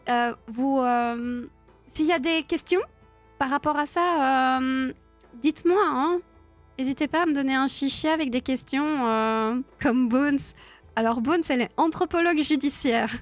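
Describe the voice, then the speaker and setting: A woman's voice: high voice, moderate pace, faint music behind. A woman hosting a casual live stream, chatting with her viewers, laughing often and filling her talk with hesitations. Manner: chatty, laughs often, many fillers and restarts.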